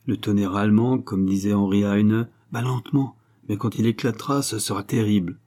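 A man voicing an anxious young male clerk who speaks low and murmuring in an audiobook. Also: fairly even intonation, moderate pace, mellow, lightly acted. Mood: grave.

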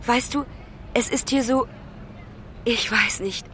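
A woman's voice: on the high side, slow pace, sharp tone, slight background noise. An actress playing a lonely young woman who calls her mother from abroad, talking urgently and pleadingly. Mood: chatty. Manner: urgent, pleading phone talk. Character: lonely young woman traveller, anxious and affectionate. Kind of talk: radio play acting.

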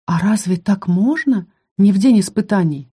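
A reader voicing a stubborn, defiant young female student in a fantasy audiobook, speaking in a quiet, guarded way. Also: mid-range voice, animated, moderate pace, husky.

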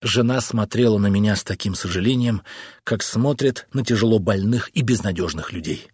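Husky man reading a novel aloud. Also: lowish voice, normal speed, no room sound, clean studio sound. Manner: expressive, heated dialogue delivery. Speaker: audiobook narrator. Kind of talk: first-person novel reading.

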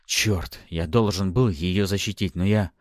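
A man voicing a gruff, edgy bodyguard. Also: sits low, fairly even intonation, a little slow, dry recording, clean studio sound. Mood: worried. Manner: gruff, snapping. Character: stern young male bodyguard, loyal and tense.

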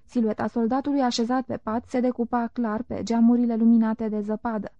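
Woman, audiobook narration, calm, measured, slightly high voice, dry close sound. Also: no echo. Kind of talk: literary audiobook reading. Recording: dull lo-fi recording.

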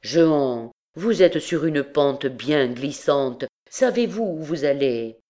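A woman reading aloud gives voice to a stern older male archdeacon, grave and curt, in a low voice spoken slowly. Each admonition is short and severe. It is a classic novel read as an audiobook. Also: lively intonation, dark tone.

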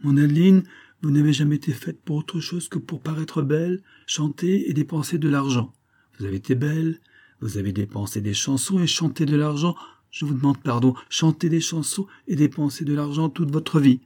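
A man reading the part of a scheming, smooth-talking middle-aged army major, pompous and theatrical, mock-affectionate toward his wife. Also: on the high side, moderate pace, warm tone, pitched above the performer's own voice.

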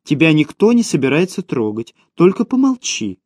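A man's voice: fairly high pitch, big pitch swings, moderate pace, darkish tone, dry recording, studio quality. A man doing a cold, sneering schemer woman. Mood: commanding. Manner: sneering, cutting. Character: cold, mocking, domineering woman, ruthless schemer. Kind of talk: audiobook character voice.

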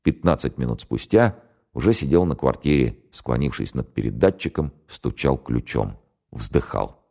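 A man narrating a spy novel in an expressive, wry storytelling manner. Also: rumbling low, normal speed, gravelly. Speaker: audiobook narrator.

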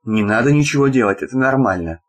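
A man's voice: mid-range voice, animated, fast talker, soft background music, natural voice. A man reading as a stern, sardonic boss. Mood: calm. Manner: dry, lecturing, blunt. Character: stern, sardonic middle-aged male boss.

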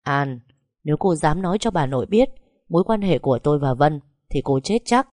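A woman's voice: low voice, lively intonation, brisk, dark tone, dry recording, clean studio sound. A woman doing a cold, threatening young husband. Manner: curt, threatening.

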